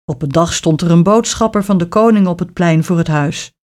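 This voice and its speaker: A woman narrating a children's fairy tale in an expressive storytelling manner. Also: fairly low pitch, brisk.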